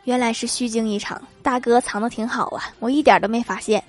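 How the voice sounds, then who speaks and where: A woman's voice: fairly high pitch, fairly even intonation, fairly quick. A woman hosting a comedy segment, reading funny everyday anecdotes and laughing at her own punchlines. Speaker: host.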